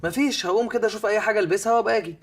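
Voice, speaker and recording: Touchy young Egyptian husband, clipped and sulky, very fast talker. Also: male voice, high voice. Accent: Egyptian Arabic. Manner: sulky, passive-aggressive. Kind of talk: TV comedy series acting.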